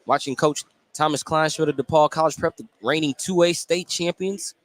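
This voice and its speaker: A male radio commentator, voice a little high and pace moderate, calls basketball play-by-play in terse, clipped phrases. He's courtside in an indoor gym during a game, and the recording is a noisy live venue broadcast.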